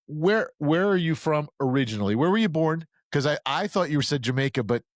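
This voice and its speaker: A man hosting a podcast in casual interview chat, joking and telling quick stories. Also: fairly high pitch, lively intonation, no echo, clean studio sound. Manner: chatty, joking, quick storyteller. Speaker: podcast host.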